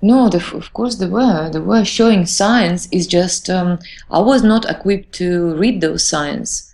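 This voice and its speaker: A woman's voice: on the low side, unhurried, gravelly, a little mellow. A woman, answering interview questions hesitantly and searching for words. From Russia.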